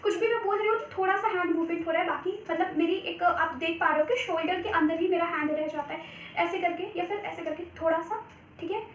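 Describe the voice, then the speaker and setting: In a chatty vlog, a young Indian woman offers cabin crew interview tips, switching between Hindi and English and checking in with viewers with frequent "theek hai"s. Her voice is very high and quick, off-mic in an echoey room with slight background noise.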